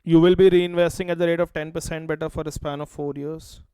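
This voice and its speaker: A man's voice: on the high side, flat delivery, fast talker, dark tone, smooth, no echo, studio quality. A man with an Indian accent teaching a finance class, repeating key points in an instructive way and addressing students directly. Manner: repetitive, instructive, addresses students with affectionate terms. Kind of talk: classroom lecture.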